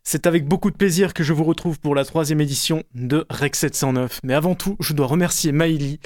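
A man's voice: fairly high pitch, fairly quick, no room sound, clean studio sound. Young man giving an eager radio film column. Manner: enthusiastic and candid, occasional stumbles. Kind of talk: radio column, partly scripted. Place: radio studio. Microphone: studio microphone.

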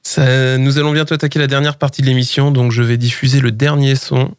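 Male radio host in a dry studio, mid-pitched and easygoing, encouraging his guest and stumbling through restarts. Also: a little fast, clear, resonant tone, dry recording. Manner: relaxed, encouraging, many restarts. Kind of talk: casual radio interview.

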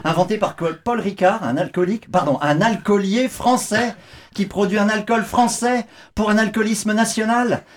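A woman's voice: medium pitch, moderate pace, lightly acted. A woman voicing a pompous, indignant little statesman in a declamatory, mock-outraged radio rant. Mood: pompous indignation.

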